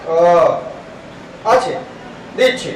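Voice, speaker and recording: A man's voice: very slow, fairly bright tone. A young man with an Indian Bengali accent playing an eager, smitten, easily flustered suitor in a light romantic comedy drama. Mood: eager, accommodating. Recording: very echoey room, distant mic, faint noise.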